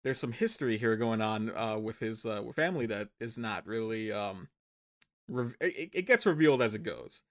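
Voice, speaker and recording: A man's voice: lowish voice, animated. Rambling man recapping a movie. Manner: rambling, self-correcting, quick to laugh. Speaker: podcast co-host. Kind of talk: casual movie review chat.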